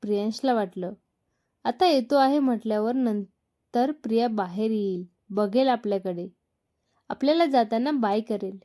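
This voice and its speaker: A woman narrating a romantic story in a calm, measured storytelling manner. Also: fairly high pitch.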